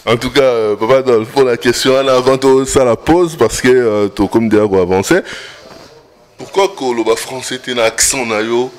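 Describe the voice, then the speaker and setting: A man's voice: medium pitch, fairly even intonation, normal speed. A man, hosting a debate and asking hesitant questions mixed with Lingala. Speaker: host. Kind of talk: moderating a debate.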